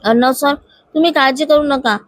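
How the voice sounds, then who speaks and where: A woman's voice: high voice, normal speed, lightly acted. A woman voicing a determined young female office worker who pleads earnestly for her friend. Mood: pleading.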